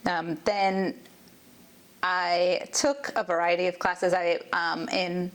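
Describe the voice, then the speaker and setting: A woman judge sits for a relaxed interview, her voice a little on the low side. She speaks in a friendly, easy way and laughs often while recalling her youth. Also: slow. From Maryland, USA. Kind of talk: casual interview conversation.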